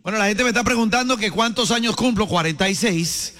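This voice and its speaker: A man's voice: sits high, fairly quick. A man, a radio host joking playfully and reading ads in a sing-song way. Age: 40s. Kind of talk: joking radio chat and live ad reads. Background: loud music bed.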